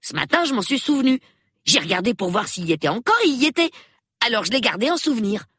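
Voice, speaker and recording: Brief: cheeky, high-pitched boy voiced by a woman for an audiobook, quick and eager. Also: very animated, a bit bright, husky, dry recording, studio quality, exaggerated voice. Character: cheeky, excited young boy. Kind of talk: audiobook reading.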